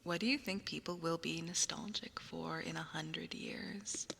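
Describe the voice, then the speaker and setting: A woman whispering softly into the listener's ear as an ASMR livestream host, chatting casually on a close binaural microphone. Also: sits low, steady tone, measured pace, gravelly, slight background noise. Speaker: livestream host, ASMR content creator and voice actor.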